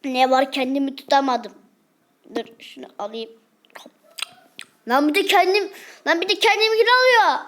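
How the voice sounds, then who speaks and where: Woman, high pitched voice, rowdy slangy banter, improvised game role-play. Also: moderate pace, pauses often, fairly bright tone. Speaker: video creator voicing game characters.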